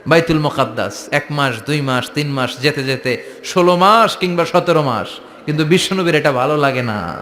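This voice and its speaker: A man's voice: a little high, animated, normal speed, a bit bright, roomy sound. A man preaching a sermon to a large gathering, impassioned and putting questions to the crowd for answers.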